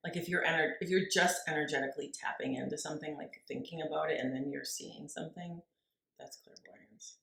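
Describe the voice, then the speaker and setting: A woman co-hosting a podcast, agreeable and quick to chime in with short yeses. Her voice has a gravelly fry, and it sounds roomy and echoey through a mic that wasn't recording properly. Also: low voice, fairly even intonation, fairly bright tone. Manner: agreeable, many short affirmations. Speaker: podcast co-host. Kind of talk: casual conversational podcast chat. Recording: echoey room, faulty mic.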